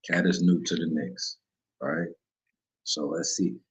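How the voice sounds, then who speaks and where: A man's voice: low-pitched, takes it slowly. A man hosting a casual solo sports betting talk show, rambling in slang and often correcting himself. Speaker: sports betting podcast host. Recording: dull lo-fi recording.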